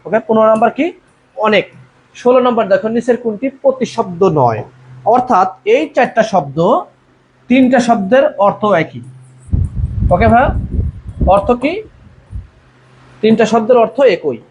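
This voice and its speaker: High-voiced male tutor running a live quiz class. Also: expressive, moderate pace, pauses often, darkish tone. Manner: calls students "bhaiya", reads out viewers' comment answers. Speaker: admission coaching tutor. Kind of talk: live online exam question class. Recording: dull lo-fi sound with faint noise.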